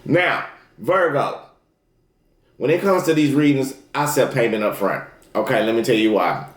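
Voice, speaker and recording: A man's voice: mid-range voice, animated, normal speed, reverberant. A man talking casually and directly as a tarot reader, repeating affirmations and warnings to his viewers. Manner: repetitive affirmations, folksy and direct. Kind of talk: casual spoken tarot reading.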